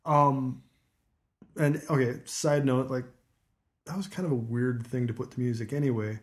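A man's voice: medium pitch, fairly even intonation, moderate pace. A man co-hosting a music podcast, chatting casually with lots of fillers and frequent laughter. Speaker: podcast co-host.

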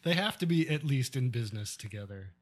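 A man's voice: medium pitch, lively intonation, a little fast. A man from Nebraska co-hosting a podcast in casual chat, laughing often and talking animatedly. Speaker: podcast co-host.

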